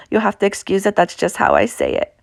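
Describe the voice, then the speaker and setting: A woman's voice: mid-range voice, wildly swooping pitch, normal speed, creaky, no room sound, clean studio sound. A woman with an Appalachian accent talks through a craft tutorial in a casual, chatty, informal way. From Appalachia, United States. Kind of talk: casual instructional craft voice-over.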